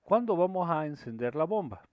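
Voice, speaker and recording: A man's voice: fairly high pitch, big pitch swings, normal speed, no room sound. A man teaching a screen-recorded programming lesson, explaining each step and often checking that students follow. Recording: dry, dull lo-fi recording.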